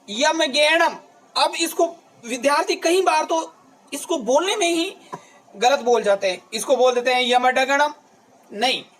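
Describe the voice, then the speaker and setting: A man's voice: very high voice, a bit bright, low-quality recording. A man teaching an exam-prep grammar lesson, addressing his students directly and repeating key terms to drill them. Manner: addresses students directly and asks then answers questions.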